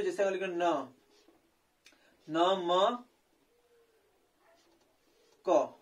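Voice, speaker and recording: A man's voice: high-pitched, darkish tone. A man teaching a spelling lesson who keeps calling his viewers friends and draws out each sound as he spells it. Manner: addresses viewers as friends over and over, slow drawn-out spelling.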